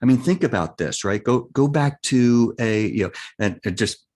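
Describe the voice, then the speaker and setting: A man's voice: mid-range voice, lively intonation, moderate pace, darkish tone. Earnest man explaining with "right?" check-ins. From United States. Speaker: life and business coach. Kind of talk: interview guest, conversational explaining.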